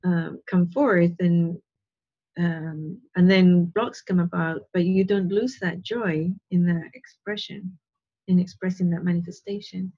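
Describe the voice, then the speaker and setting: On a video call from her living room, a spiritual teacher gives a casual, earnest, rambling talk, often saying "right?" and "you know." Her voice is husky, fairly low, and warm. The wired earphone mic yields dull, lo-fi call audio.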